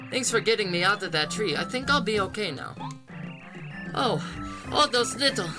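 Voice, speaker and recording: A performer voicing a prim, scolding female dinosaur nanny in a high, bossy voice, over game music. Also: lightly acted.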